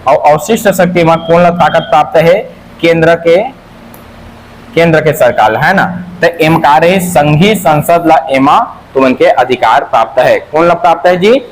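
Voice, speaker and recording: A man's voice: a little high, moderate pace, a little hiss or hum, low-quality recording. A man teaching an exam-prep class with a Chhattisgarhi accent, drilling answers by repeating them in a sing-song and asking and answering his own questions.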